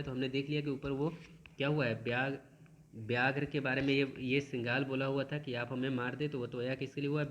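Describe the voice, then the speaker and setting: A man teaching a school lesson, reading verses slowly and then explaining them with many restarts. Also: medium pitch, lo-fi sound.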